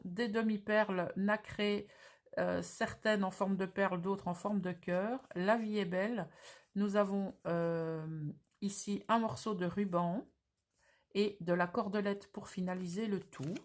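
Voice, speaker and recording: Slow-talking Belgian woman presenting crafts. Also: mid-range voice. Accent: Belgian French. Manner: slow, descriptive, with frequent fillers. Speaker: crafting channel host. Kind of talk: presenting craft mail on camera.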